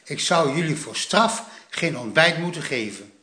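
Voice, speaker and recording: A man voicing a brisk, scolding but caring gnome grandmother who speaks firmly. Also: a little high, expressive, bright, forceful tone, roomy sound. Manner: firm, scolding.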